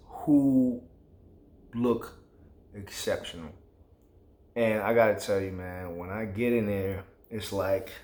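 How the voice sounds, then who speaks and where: A man's voice: on the low side, roomy sound. A man vlogging, giving his opinions in a casual, emphatic, rambling way with plenty of slang.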